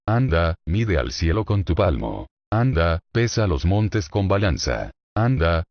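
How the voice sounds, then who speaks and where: A man with a very low, deep voice reads a sermon with solemn, declamatory weight. He builds his points through rhetorical questions. The recording is dull and lo-fi, with no room echo at all. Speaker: sermon reader.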